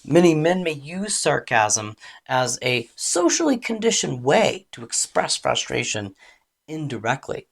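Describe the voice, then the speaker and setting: A woman relationship coach giving a calm, deliberate educational talk, explaining with expressive emphasis. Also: low-pitched, vocal fry.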